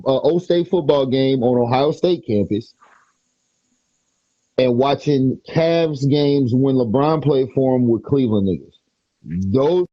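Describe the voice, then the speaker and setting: A man with a warm, husky voice talks in a relaxed podcast chat. He rambles through stories at an easy pace. The sound is dry and a bit lo-fi. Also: mid-range voice, no echo. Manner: laid-back, rambling storyteller. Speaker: podcast speaker. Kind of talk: casual chat.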